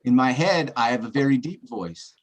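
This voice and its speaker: A medium-pitched, animated man speaking at a normal speed presents treasure-hunt clues on a casual livestream. He takes them step by step, occasionally joking and checking with his listener along the way.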